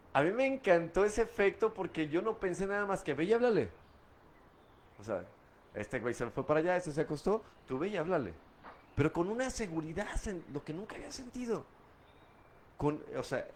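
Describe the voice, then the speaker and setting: There's slight background noise as a high-pitched middle-aged man from Guadalajara speaks with a Mexican Spanish accent. A guest recounting his addiction, he gives a candid, profane testimony about his past drinking, full of street slang.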